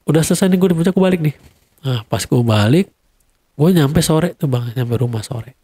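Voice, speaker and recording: A young man with a Jakarta accent telling a personal story in a casual, animated way. He acts out quarrels in a raised voice. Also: a little high, brisk, husky, no echo.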